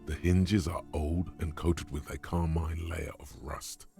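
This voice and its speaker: A cavernous wry game narrator. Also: male voice, rumbling low, fairly even intonation, unhurried, vocal fry, warm tone, soft background music, heavily acted. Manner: wry, commanding second-person narration. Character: grave male narrator and inner voice of a detective game.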